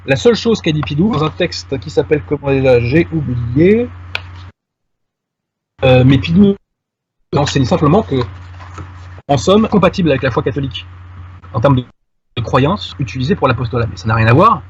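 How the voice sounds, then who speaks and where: A man's voice: fairly high pitch, animated, moderate pace, pauses often, highs cut off, slight background noise. A man making a detailed argument in conversation with a host, addressing him familiarly. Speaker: guest commentator. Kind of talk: conversational argument on a radio-style show.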